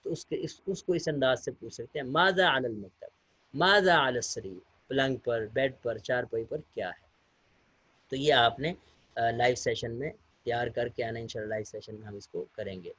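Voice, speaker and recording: A man's voice: mid-range voice, moderate pace, husky, no echo. A male teacher giving a recorded Arabic lesson. He reads short Arabic sentences aloud, then translates and explains each one step by step, patiently addressing his students. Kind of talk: recorded online lecture.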